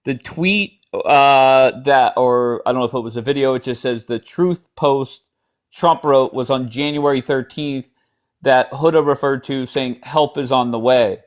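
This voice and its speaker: A man's voice: medium pitch, a little slow. A man hosting a livestream call-in debate, blunt and profane, cutting in on his guests. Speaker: livestream host. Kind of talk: heated political call-in chat.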